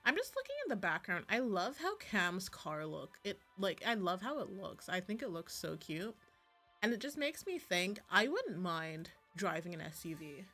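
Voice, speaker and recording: This woman's voice sits on the low side and sounds pushed and bright as she chats through a visual novel stream. She rambles, gushes and keeps breaking off mid-thought, with background music playing.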